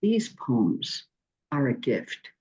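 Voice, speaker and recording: A woman hosting an online poetry reading, introducing the featured poet with effusive praise and many halting fillers. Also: a bass voice, huge pitch swings, warm tone, lo-fi sound. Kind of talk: warm spoken introduction, reading quotes aloud.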